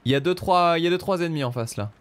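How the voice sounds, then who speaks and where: A man's voice: on the high side, racing. A man giving casual, joking gameplay commentary, exclaiming often and addressing his viewers. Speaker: gamer presenting gameplay.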